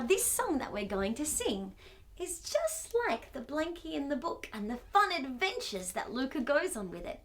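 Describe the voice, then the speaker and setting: Hosting a children's storytime, a woman with a high-pitched voice gushes and exclaims as she talks straight to young children.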